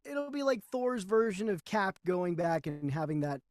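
A man's voice: sits high, sing-song, normal speed, darkish tone, dry recording, clean studio sound. Agreeable man chiming in on a podcast. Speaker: podcast co-host. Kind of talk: casual movie review chat.

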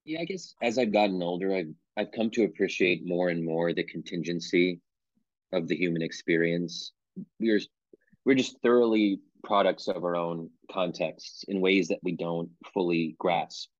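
Speaking low at a moderate pace, a Pennsylvania author gives a conversational answer as an interview guest. He weighs his words, qualifies himself and keeps restarting, heard through dull, dry lo-fi audio with no room sound.

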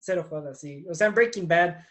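Animated young man chatting. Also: on the high side, fairly quick. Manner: animated, laughs often. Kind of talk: casual chat.

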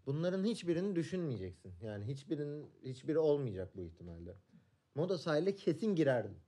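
A man in a casual podcast chat, telling stories in a relaxed, slangy way. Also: on the high side, quick pace, slightly rough. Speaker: podcast co-host.

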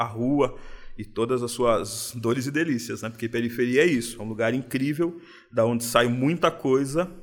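This medium-pitched man is a guest being interviewed in a casual setting. He comes from São Paulo, Brazil, and he speaks in a laid-back, thoughtful way, leaning heavily on street slang.

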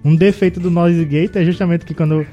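Man, somewhat high voice, dull lo-fi call sound, casual explaining. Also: steady tone, brisk, dark tone, soft background music. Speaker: podcast co-host. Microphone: online voice call.

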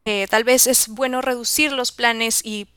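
A woman's voice: on the high side, steady tone, measured pace, a bit bright, clean tone, dry recording, studio quality. A woman guest reading tarot in a casual chat, now and then slipping English phrases into her Spanish. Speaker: podcast guest tarot reader.

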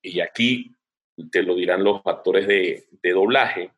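A man's voice: low voice, slow, a bit bright. Man explaining with frequent hesitations. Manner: thinks aloud with frequent hesitations. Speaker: guest, advertising director. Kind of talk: explanatory interview talk.

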